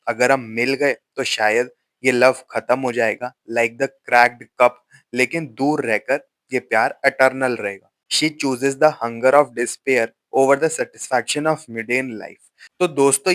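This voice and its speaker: A man teaching a lesson, explaining a poem line by line and reading the quoted verse slowly and deliberately. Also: medium pitch, fairly bright tone, no room sound. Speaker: literature teacher.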